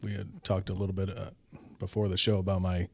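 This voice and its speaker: A middle-aged man from Hawaii, a podcast guest telling his life story with many pauses and fillers. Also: sits low, monotone, gravelly, a little mellow, no room sound. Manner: hesitant, many ums and uhs, laughs often. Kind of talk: casual storytelling.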